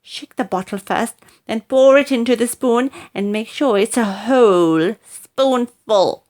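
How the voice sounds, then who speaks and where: A woman's voice: a little high, unhurried, darkish tone, lightly acted. A woman voicing a cranky, bossy old grandmother in a storybook reading, scolding and exclaiming. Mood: snappish, bossy.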